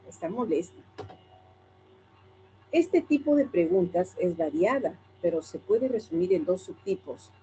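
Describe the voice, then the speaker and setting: A woman with a Peruvian Spanish accent lectures her class in a lowish, mellow voice, heard through a muffled recording with slight hiss or hum. She asks herself questions and answers them right away.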